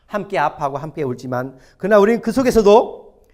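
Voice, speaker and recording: Animated Korean pastor lecturing. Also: male voice, high-pitched, a little fast. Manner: animated, asks the audience questions. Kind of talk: lively sermon lecture. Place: church or hall lecture before an audience.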